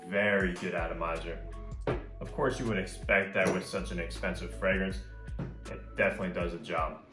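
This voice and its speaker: A man with a low, steady voice reviews a fragrance casually and enthusiastically, speaking fairly quickly and often doubling up on "very, very" for emphasis. The room sounds echoey, with faint guitar music playing in the background.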